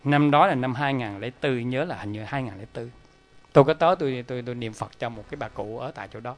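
Speaking fast at a medium pitch, a middle-aged man who teaches Buddhism as a layperson tells lively stories in a dharma talk. He is emphatic and speaks straight to the audience.

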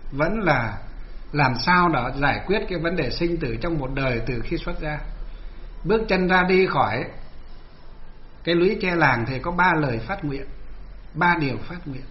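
A man's voice: fairly high pitch, moderate pace, long pauses, highs cut off, slight background noise. A man who is a Buddhist monk from northern Vietnam, telling the story of his ordination in an earnest storytelling manner. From Hoa Binh, northern Vietnam.

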